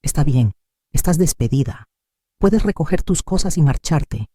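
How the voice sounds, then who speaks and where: A woman's voice: sits low, expressive, moderate pace, warm tone, no echo, clean studio sound. A woman reading a leering rich boss. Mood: cold. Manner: smug, insinuating, then cold and threatening. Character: pushy, leering middle-aged male rich employer.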